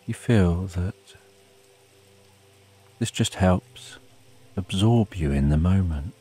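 A man narrating a bedtime sleep story in a calm, soothing, unhurried way with long pauses, as a sleep story narrator. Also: low-pitched, slightly rough. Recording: soft rain behind the voice. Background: rain.

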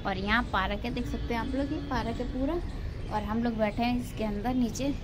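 Woman vlogger, chatty and casual, slightly high voice, handheld phone outdoors, traffic noise. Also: a little fast. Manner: chatty, addresses viewers as friends. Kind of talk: casual vlog chat. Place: outdoors at a park and school gate.

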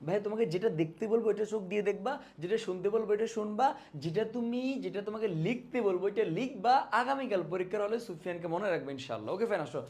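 Fast-talking young tutor man. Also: high voice. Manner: chatty, mixes English words, addresses students as "you". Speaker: exam coaching teacher. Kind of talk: fast casual exam-prep lesson.

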